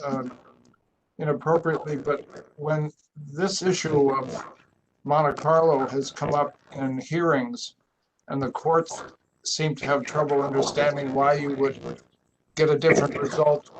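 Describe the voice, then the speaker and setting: A man's voice: a little high, steady tone, unhurried. Man with a noisy, clicking line. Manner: hesitant, anecdotal, many fillers. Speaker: committee member asking questions. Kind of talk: discussion in a video meeting.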